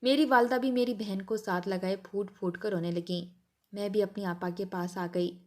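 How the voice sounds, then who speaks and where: A woman telling a first-person family story in an even, soft storytelling manner. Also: mid-range voice.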